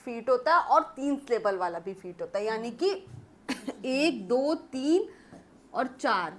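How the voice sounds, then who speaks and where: A young woman teaching English literature in a patient classroom-style lecture, slowly reading English definitions and explaining them. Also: high voice, fairly bright tone. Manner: explains patiently, calls students "beta", slow English read-outs.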